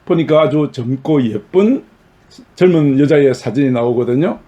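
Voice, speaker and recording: A man's voice: mid-range voice, normal speed, dark tone, dull audio. A male pastor giving a sermon and telling illustrative stories in an earnest manner, with emphatic rises in his voice.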